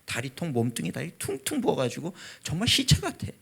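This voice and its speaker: A man in his fifties, a pastor, telling a personal testimony in a revival sermon with a husky voice, swinging from loud to hushed. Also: fairly high pitch, wildly swooping pitch, a little fast. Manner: emotional storytelling, voice rising and dropping sharply.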